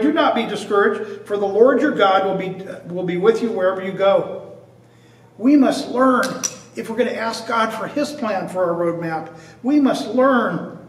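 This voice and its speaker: An older man preaching a sermon at a church pulpit, earnest and repetitive, stressing each point. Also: sits high. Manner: earnest preaching with repeated phrases and restarts. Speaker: pastor. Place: church sanctuary in front of a stained glass cross. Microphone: far camera at a pulpit. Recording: echoey church heard from a distance.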